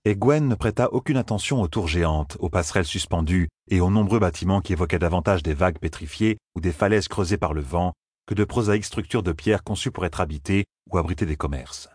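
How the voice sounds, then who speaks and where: Low, husky man narrating. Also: dry recording, clean studio sound. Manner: calm, measured storytelling. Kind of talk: audiobook narration.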